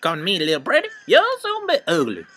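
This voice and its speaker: A man voicing a vain, sneering old witch as he reads game dialogue aloud in a high, sing-song voice. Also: wildly swooping pitch, fast, bright, forceful tone, a little hiss or hum, exaggerated voice.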